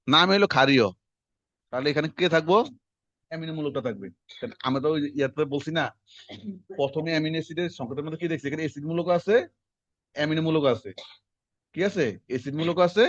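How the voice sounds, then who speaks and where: A man, teaching a class in quick, conversational lecture style and quizzing his students as he goes. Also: fairly high pitch, a bit bright, dry recording. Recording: dull lo-fi classroom recording.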